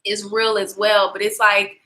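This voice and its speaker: A woman's voice: medium pitch, flat delivery, moderate pace, bright, forceful tone, poor audio. A young woman chatting casually on a travel livestream, slangy and profane, talking straight to her viewers. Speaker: travel vlogger.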